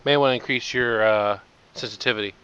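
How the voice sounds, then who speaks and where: A man's voice: medium pitch, fairly even intonation, fairly quick, bright, forceful tone, clean tone. A man co-hosting a casual online show over a voice call, joking and teasing, on a dull lo-fi mic. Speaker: co-host.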